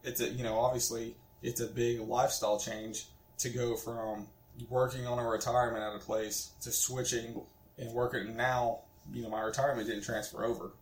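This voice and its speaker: This is a young man in his twenties, co-hosting a laid-back podcast in an echoey space. His mid-range voice keeps a level tone at a moderate pace while he rambles, fills gaps with filler words, and laughs readily.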